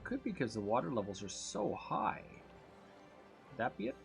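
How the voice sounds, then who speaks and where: A man's voice: mid-range voice, huge pitch swings, normal speed, vocal fry, soft background music. A man streaming a game over a headset mic, thinking aloud as he fixes things and greeting his chat. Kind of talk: casual gameplay livestream chat.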